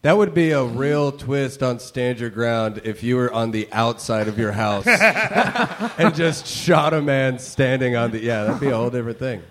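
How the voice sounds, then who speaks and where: A man's voice: mid-range voice, animated, normal speed, fairly bright tone. A man trading dry, offhand jokes as a guest on a live comedy talk show in a club. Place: comedy club stage before a live audience.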